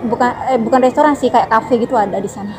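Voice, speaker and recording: A woman's voice: fairly high pitch, quick pace, poor audio. A woman with an Indonesian accent giving a casual walking tour vlog outdoors by a seaside mall, chatting to her viewers as friends. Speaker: vlogger. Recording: loud background music.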